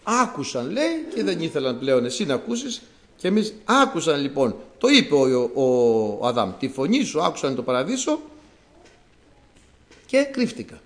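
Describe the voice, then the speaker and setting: A Greek man with a slightly high voice preaches to his congregation, speaking animatedly and building to emphatic outbursts.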